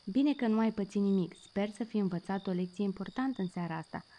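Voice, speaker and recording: A woman voicing a gentle, caring father tomcat who patiently corrects his kitten. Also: medium pitch, close to an everyday voice.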